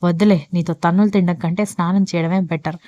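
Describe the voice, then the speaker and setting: A woman's voice: lowish voice, steady tone, fast, dark tone, no echo, lo-fi sound, close to an everyday voice. A woman voicing a grumbling, sleepy young man who complains about being dragged along.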